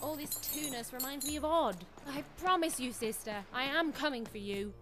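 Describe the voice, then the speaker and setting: A woman's voice: high voice, moderate pace, close to an everyday voice. An actress playing a small, feisty, determined girl in a video game. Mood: resolute. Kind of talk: video game character acting.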